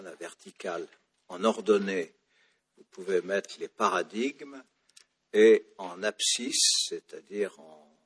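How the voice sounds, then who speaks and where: A man's voice: low-pitched, husky. A man from France giving a classroom lecture on the psalms, digressive and full of fillers and restarts, with wry asides.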